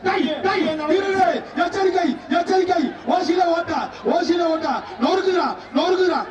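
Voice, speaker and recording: Brief: male announcer on a loudspeaker, very high yelling voice, echoing from far off, dull sound, loud crowd behind. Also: steady tone, moderate pace. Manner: shouting, repeating short calls. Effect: through a loudspeaker system. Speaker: event announcer. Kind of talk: live shouted commentary. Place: outdoor bull-taming arena. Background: loud cheering crowd and noise.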